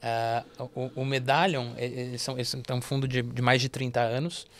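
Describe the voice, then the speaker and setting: Brazilian male podcast guest, average pitch, animated and explanatory, stumbles and restarts often. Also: a little fast, slight background noise. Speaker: investment firm partner, guest. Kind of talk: casual podcast interview.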